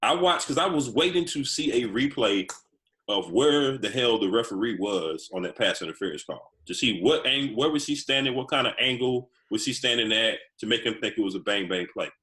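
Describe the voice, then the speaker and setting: A man's voice: mid-range voice, animated, a little fast, bright, forceful tone. A man on a casual sports podcast who is playful and laughs easily, often stuttering as he restarts his sentences.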